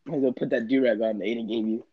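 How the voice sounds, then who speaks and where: A man's voice: medium pitch, steady tone, rapid-fire, husky, muffled recording. A teenage guy hosting a casual video-call chat with friends, teasing and laughing often. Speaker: host.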